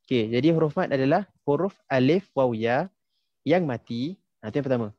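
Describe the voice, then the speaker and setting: A man's voice: medium pitch, lively intonation, a little fast, dry recording, dull audio. A young man teaching a class online, patiently quizzing students and filling gaps with "ha" and "okey". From Malaysia. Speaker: tajwid teacher. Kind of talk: casual online class instruction.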